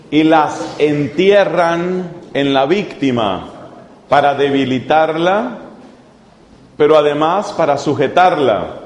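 A man preaching a sermon, speaking deliberately and repeating key phrases for emphasis. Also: fairly high pitch, slight background noise. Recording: echoey hall, long reverb.

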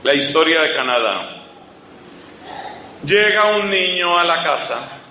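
An impassioned male preacher delivers a sermon full of sarcasm and rhetorical questions. His voice sits high and bright, and the hall around him echoes. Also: animated, takes it slowly, slight background noise.

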